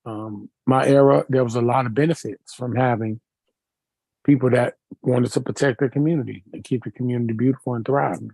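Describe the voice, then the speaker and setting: Husky, mellow man, slow and sincere. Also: mid-range voice, steady tone, dry recording, low-quality recording. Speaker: guest. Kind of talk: casual podcast discussion.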